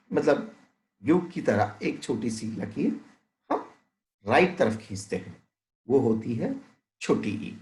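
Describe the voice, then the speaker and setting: A male schoolteacher walks young children through a vocabulary lesson, stretching each word out slowly. His pitch rises and falls expressively as he asks checking questions and gives English meanings. The recording sounds echoey, as if in a bare room. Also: darkish tone. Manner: slow, drawn-out word-by-word pronunciation, explaining meanings with English glosses; addresses pupils as "beta", asks frequent checking questions. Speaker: primary school teacher.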